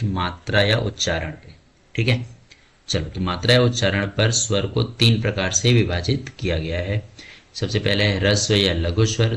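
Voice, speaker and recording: A man's voice: fairly low pitch, vocal fry. A man teaching an exam-prep grammar lesson, asking the class questions and answering them himself, often calling the listener "bhai". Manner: addresses students as "bhai".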